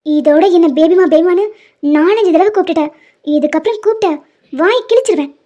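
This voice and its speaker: Here the female lead of an animated romance dub is an angry young mother, scolding and exasperatedly rejecting the man who wronged her. The woman's voice is very high and mellow, and she speaks fairly quickly. Faint music plays beneath dull, lo-fi audio.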